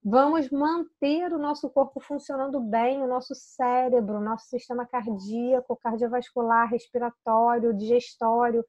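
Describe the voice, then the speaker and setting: Fairly high and steady, a Brazilian woman's slightly mellow voice moves at a moderate pace with hardly any pauses as she teaches essential oil product use to camera. Her informal, Brazilian Portuguese-accented talk is chatty and persuasive, with tag questions and restarted sentences, recorded dry with dull audio.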